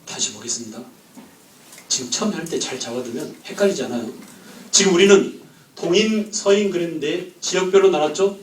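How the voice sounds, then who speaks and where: A man teaching a history class, firing quick questions at the students and joking with them. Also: fairly high pitch, reverberant, distant mic, poor audio. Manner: quizzes the class with quick questions, jokes and laughs. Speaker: history lecturer.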